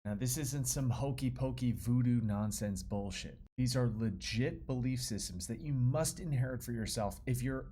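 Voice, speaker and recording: A man in his thirties, a fitness coach, telling his story in a casual, slangy, animated way. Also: medium pitch, moderate pace, few pauses, a little hiss or hum.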